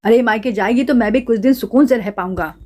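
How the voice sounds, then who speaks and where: A woman's voice: on the high side, fast, darkish tone, close to an everyday voice. A woman voicing a quarrelsome middle-aged husband who grumbles and brushes his wife off, in a doll drama. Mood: fed up. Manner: grumbling, dismissive. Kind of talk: doll drama role-play.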